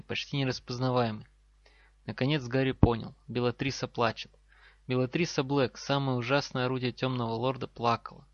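A man narrating a novel in a measured, even reading voice. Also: mid-range voice, no echo. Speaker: audiobook narrator. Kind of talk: scripted narration. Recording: dry, slightly dull recording.

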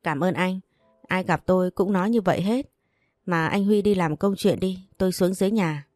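A woman voicing a spoiled, sharp-tongued young sister-in-law in an audio story, mocking and boastful. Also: lowish voice, normal speed, no echo, clean studio sound, soft background music, natural voice. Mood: coy.

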